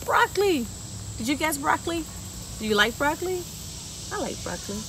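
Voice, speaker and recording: The audio is poor as a woman with a high, very animated, fairly bright voice reads quickly from a picture book to children on a garden bench outside. Between the rhymes she asks them playful questions, recorded by a camera a few feet away amid clear insect noise.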